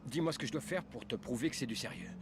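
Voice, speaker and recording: A man's voice: mid-range voice, fast, noisy background, close to an everyday voice. A man playing an earnest young boyfriend in a dubbed film scene.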